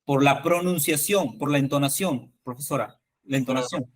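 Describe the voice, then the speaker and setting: A man's voice: mid-range voice, moderate pace. A man teaching an online workshop for teachers, explaining patiently and often checking that the class agrees. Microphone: video call.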